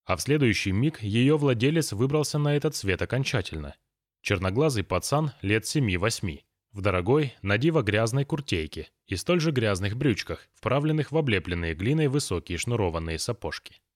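A man narrating an audiobook in an even, ironic storytelling manner. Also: fairly low pitch, moderate pace, no echo, clean studio sound.

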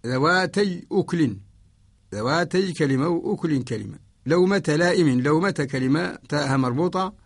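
A man from Mauritania, an Islamic scholar, giving a radio lesson on Quranic spelling in a measured, repetitive explaining manner with slowly recited examples. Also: fairly high pitch, creaky, slightly rough, no room sound, clean studio sound.

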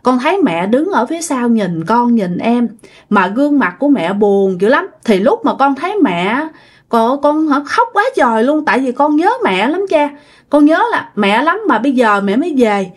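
A woman's voice: on the high side, big pitch swings, normal speed. A woman with a Southern Vietnamese accent voicing a little boy who cries and pleads for his dead mother. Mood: sad recounting.

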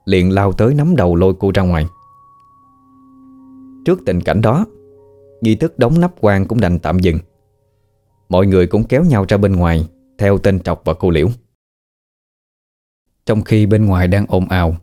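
A man with a Southern Vietnamese accent narrating a ghost story in a steady, measured way. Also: low-pitched.

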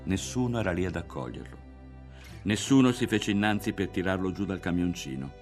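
A man narrating a novel aloud in a calm, measured reading. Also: low-pitched, soft background music. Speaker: audiobook narrator. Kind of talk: literary reading.

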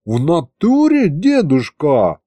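A man voicing a streetwise, excitable young male imp with slangy speech. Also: a little high, takes it slowly, no room sound, voice pushed up, heavily acted. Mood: amazed.

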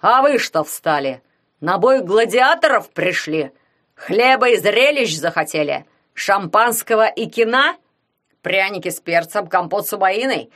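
Woman putting on a furious gruff old coach. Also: mid-range voice, expressive, measured pace, voice pushed up. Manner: shouting, scolding.

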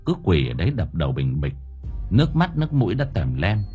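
A man's voice: sits low, huge pitch swings, fairly quick, warm tone, soft background music. A man narrating a ghost story as an audiobook, vivid and dramatic.

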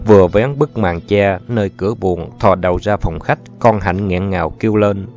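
A man narrating a story in a steady, measured reading voice. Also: low-pitched. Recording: muffled audio with faint music.

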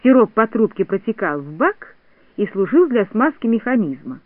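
A man narrating a children's storybook in an expressive, animated way. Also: sits high, normal speed, no room sound. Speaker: audiobook narrator. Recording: tinny phone-like dry sound.

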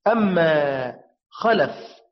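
A man teaching a lesson on the variant readings of the Quran, explaining step by step, asking and answering his own questions and chanting verse examples slowly. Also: on the high side, expressive, highs cut off.

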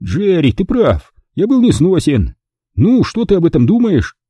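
A man's voice: high-pitched, wildly swooping pitch, unhurried, warm tone, husky, no room sound, pitched above the performer's own voice, exaggerated voice. A man voicing a fussy, irritable male partner in a storybook reading, snappish and testy. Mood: anxious.

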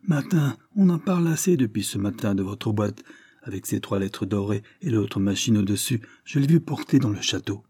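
A man's voice: fairly low pitch, animated, normal speed, darkish tone, husky, no room sound. A man voicing a sly, ragged young boy who pleads and wheedles. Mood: pleading.

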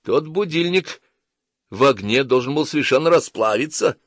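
An eager, worried man raises his voice to object urgently, as a male audiobook reader plays him. The line sits higher than the narration and comes out strong, in dry audiobook sound. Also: expressive, moderate pace, dry recording, close to an everyday voice. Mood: insistent.

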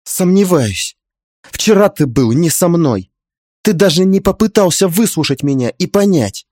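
In an audiobook, a high, strained voice plays a fierce young pregnant woman, pleading and insisting through tears, as a man puts her on. The delivery is sharp-edged against a dry, close sound. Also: animated, a little slow, dry recording. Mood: tearful insistent. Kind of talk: audiobook character reading.

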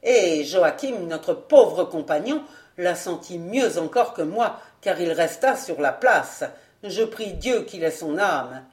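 A woman's voice: lowish voice, expressive, takes it slowly, a little mellow, echoey room. A woman voicing a sly male servant, a former acrobat, speaking in a wry, unruffled way.

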